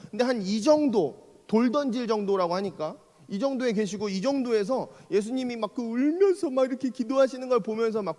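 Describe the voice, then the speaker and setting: Male pastor, higher register, storytelling sermon, acts out quotes; long church reverb. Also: a little mellow. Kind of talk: conversational sermon. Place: church sanctuary.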